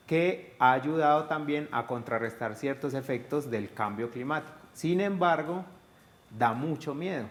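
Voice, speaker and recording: A man's voice: a little high, slight background noise. Man teacher explaining to pupils. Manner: explanatory, addresses pupils with questions. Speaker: science teacher. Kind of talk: educational explanation.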